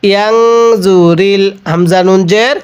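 A male Quran teacher from Bangladesh leads a slow lesson, spelling out each syllable. His voice is smooth and clear. He takes his time and patiently asks the listener to repeat after him. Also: high voice, fairly even intonation.

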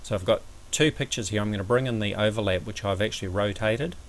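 A man giving a measured, somewhat hesitant step-by-step explanatory commentary over a screen recording, as an amateur astronomy presenter. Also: lowish voice, a little hiss or hum, low-quality recording.

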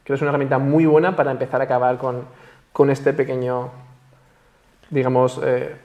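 Fast, animated man coaching. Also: mid-range voice, lo-fi sound. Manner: animated, acts out quoted everyday dialogue. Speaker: self-esteem coach and trainer. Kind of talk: explaining on a panel talk show.

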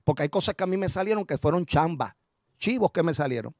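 High-voiced Puerto Rican preacher. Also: male voice, fast talker, no echo, clean studio sound. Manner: animated storytelling preacher, chuckles, addresses congregation as brother. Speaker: pastor. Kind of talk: sermon.

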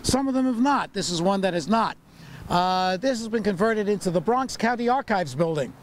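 A man's voice: sits high, expressive, moderate pace. Older New man guiding a street tour. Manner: rambling, many "uh" fillers, wry puns. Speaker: tour guide and borough historian. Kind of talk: outdoor walking tour talk. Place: city sidewalk outdoors in winter. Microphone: handheld microphone. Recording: street noise, far camera mic.

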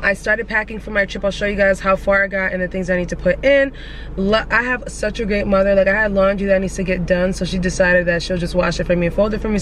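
A young woman vlogger talking casually and candidly to her camera from inside a car, swearing now and then. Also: mid-range voice. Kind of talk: casual vlog chat. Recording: noisy car and street background.

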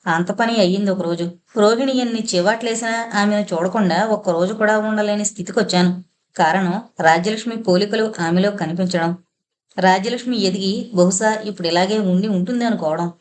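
Brief: female audiobook narrator, steady storyteller, mid pitch. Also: brisk. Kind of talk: scripted first-person story narration.

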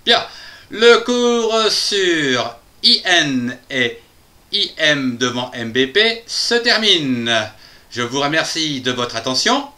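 A man voicing a cheerful little male bear who teaches spelling in a children's phonics lesson, spelling words out slowly syllable by syllable and chuckling often. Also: a little high, sing-song, bright, forceful tone, heavily acted.

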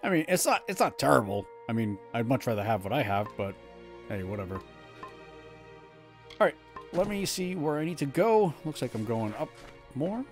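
Chatty and self-mocking, this thirtysomething man gives casual live commentary on his gameplay from home, frequently starting over mid-thought. His mid-range voice is very animated at a normal speed, broken by long pauses, over faint background music.

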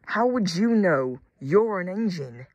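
A man voicing a loud, exasperated male train driver who shouts at his engine. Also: sits high, lively intonation, slow pace, no echo, muffled recording, voice pushed up, exaggerated voice.

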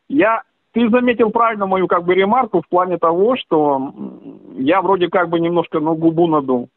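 A male caller with a high voice chats casually. He is agreeable and rambles through hedging phrases. The line is dry, narrow and tinny. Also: dry recording. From Russia. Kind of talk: casual phone conversation.

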